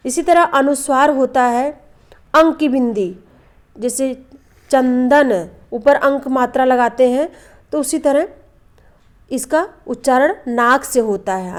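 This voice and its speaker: A young woman teaching a Hindi grammar lesson who asks questions and answers them herself, repeats key terms patiently, and draws out the example sounds slowly. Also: sits high. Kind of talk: classroom lesson explaining vowels and consonants.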